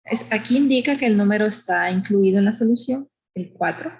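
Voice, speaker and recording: A woman's voice: mid-range voice, brisk, a little mellow, a little hiss or hum. A woman teaching a math lesson, explaining step by step in a patient way and often checking with "¿verdad?". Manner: patient, explanatory, uses diminutives, asks "¿verdad?".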